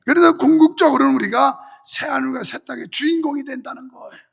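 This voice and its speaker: High gravelly guy pastor, worn voice, shouting sermon, long church echo. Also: fast talker. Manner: fervent preaching, rhythmic shouted refrains. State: voice strained from heavy use. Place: church sanctuary. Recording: reverberant church hall.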